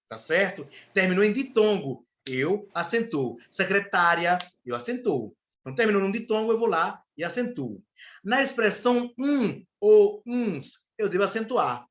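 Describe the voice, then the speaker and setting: A man's voice: high voice, a bit bright, highs cut off. A man with a Brazilian Portuguese accent, teaching an online class, explaining rules step by step and checking in with his students. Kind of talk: live online class lecture.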